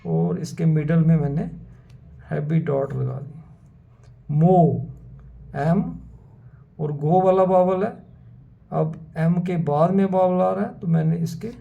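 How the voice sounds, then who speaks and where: Slow gravelly shorthand teacher. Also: male voice, on the high side, steady tone. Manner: methodical, repeats words slowly for students. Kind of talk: whiteboard lesson explanation. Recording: dull lo-fi sound.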